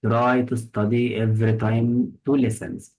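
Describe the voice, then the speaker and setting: Slow, patient male vocabulary teacher. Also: mid-range voice, flat delivery, creaky, darkish tone, a little hiss or hum, poor audio. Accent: Egyptian. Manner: patient, explains with many examples and synonyms. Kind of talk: test-prep lesson explaining words.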